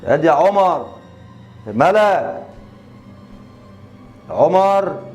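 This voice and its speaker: A man's voice: a little high, animated, darkish tone, soft background music. A middle-aged man with an Egyptian Arabic accent, playing a scolding, order-giving father in a casual family skit. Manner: bossy, scolding, quick to give orders.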